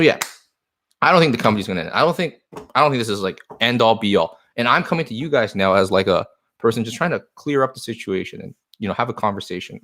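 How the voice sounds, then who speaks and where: This medium-pitched, slightly bright voice belongs to a Chinese-native man who owns a card shop. On a live stream he earnestly works through viewer comments, rambling and often saying things twice.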